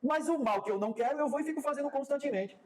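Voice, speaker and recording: A man preaching a sermon as pastor, animated and acting out quoted dialogue. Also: very high-pitched, racing.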